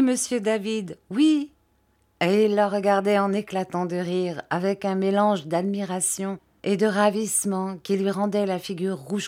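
A woman reading a classic novel aloud as an audiobook narrator, in a clear, measured storytelling manner. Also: lowish voice, mellow. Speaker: audiobook reader. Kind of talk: scripted narration.

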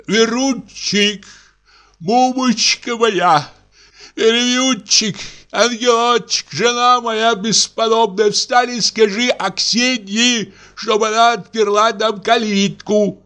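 A man's voice: extremely high pitch, fairly even intonation, slow, pushed and bright, pitched above the performer's own voice, exaggerated voice. A man reading aloud and voicing a tipsy, worn-out husband who coaxes, curses and frets. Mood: pleading, irritated. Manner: wheedling, then cursing and exasperated. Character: tipsy, exhausted middle-aged husband, fussy and pleading.

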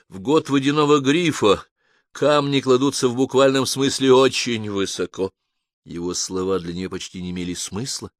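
A man reading an audiobook in a measured, dramatic narration. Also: sits low, no echo, studio quality. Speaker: audiobook reader. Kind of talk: audiobook narration of science fiction.

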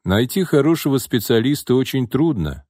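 A man's voice: mid-range voice, very animated, mellow, no echo, studio quality, voice pushed up. A man playing a genial middle-aged businessman. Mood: good-natured. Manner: good-natured, measured.

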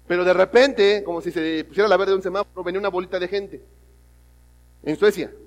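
High-voiced preacher in a reverberant hall. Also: male voice, fast, muffled recording. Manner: storytelling, swings from loud emphatic to soft and hushed. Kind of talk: sermon. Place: church hall. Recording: long reverb of a church hall.

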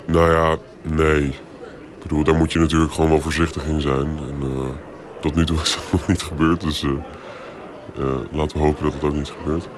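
Man in his twenties, voice disguised by a deep pitch shift, very low, flat, hesitant. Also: fairly quick, crowd noise. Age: 20s. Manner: hesitant, many filler sounds. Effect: voice distorted, pitched down very deep for anonymity. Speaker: anonymous interviewee.

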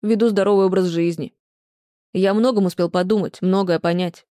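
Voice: medium pitch, fairly even intonation, fairly quick, dark tone, no echo, close to an everyday voice. An audiobook reader voicing a remorseful ex-husband who pleads and reproaches himself in a plain, close, dry read. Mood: pleading. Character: remorseful ex-husband pleading with his former wife.

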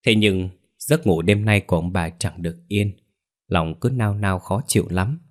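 A man narrating a ghost story in a steady, unhurried reading voice. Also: low-pitched.

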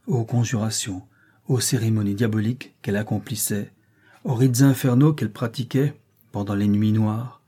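A male narrator reads an adventure novel aloud with emphatic, dramatic delivery. His voice is mellow and dark, with a touch of breathiness. He keeps a storytelling cadence throughout. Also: on the low side, breathy edge. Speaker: audiobook narrator.

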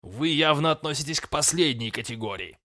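A man's voice: a little high, expressive, fairly quick, bright, forceful tone, pitched above the performer's own voice. A man voicing brutish, suspicious griffin guards who bellow at intruders. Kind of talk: audiobook character voice.

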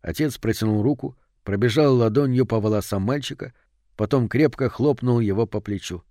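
A man narrating an audiobook in a measured, suspenseful way. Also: medium pitch, dark tone, dry recording, clean studio sound.

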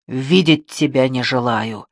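A man voicing a jealous, hysterical young woman who shouts and then hisses in contempt. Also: measured pace, no room sound, studio quality. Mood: contemptuous. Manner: shrill, shouting, then hissing.

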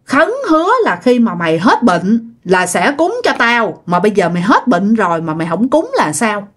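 A woman voicing a demanding male ghost who slowly accuses a man of a broken promise. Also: mid-range voice, sing-song. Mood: accusing.

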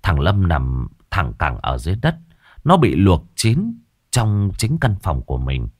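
A man narrates a village horror story, his low voice moving expressively through the lines. The recording is dry and close, with no room sound. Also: huge pitch swings, a little slow, slightly rough, dry recording.

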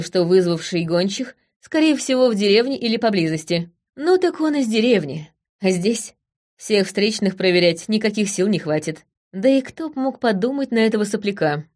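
Brief: woman audiobook narrator, medium pitch, brisk and dramatic first-person reading. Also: expressive, a little mellow.

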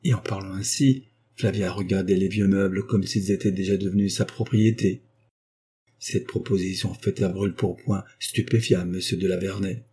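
A man narrating an audiobook novel in a calm, even storytelling manner. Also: sits low, normal speed, slight background noise. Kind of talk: scripted narration.

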